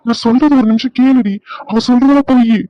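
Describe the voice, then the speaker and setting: A man's voice: sits high, fast talker, no room sound, dull audio, natural voice. A man voicing a young husband in a cartoon drama, coaxing and pleading with his wife.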